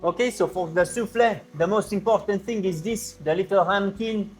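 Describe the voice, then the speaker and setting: A man playing an excitable French chef with a French accent, giving a casual, exclamatory step-by-step cooking tutorial. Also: high voice, moderate pace, soft background music, close to an everyday voice. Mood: instructive, encouraging. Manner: exclamatory, sprinkles in French interjections and kitchen sound words. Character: excitable French chef, a man, teaching soufflé with fussy delight. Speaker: cooking show presenter.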